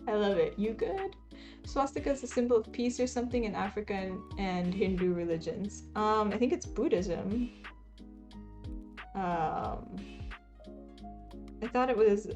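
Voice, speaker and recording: Female live-streamer, from Palestine, easygoing and chatty while crafting; leisurely delivery, mid-pitched voice. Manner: laid-back, chatty, frequent soft laughs, reads chat aloud. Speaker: cross-stitch streamer. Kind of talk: casual live-stream chat. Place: home, lives in Taiwan.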